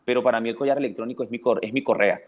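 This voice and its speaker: In a podcast interview, a Colombian dog trainer talks at length about his methods, speaking very fast in a mid-range voice. He's animated and keeps restarting as he acts out both owners and dogs.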